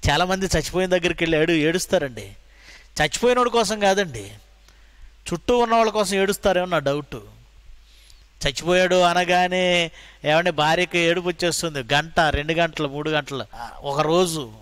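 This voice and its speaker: A man with a Telugu accent preaching a sermon, asking rhetorical questions and quoting Bible verses dramatically, moving between loud and soft. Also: fairly high pitch, normal speed, long pauses, smooth, no echo. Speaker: pastor.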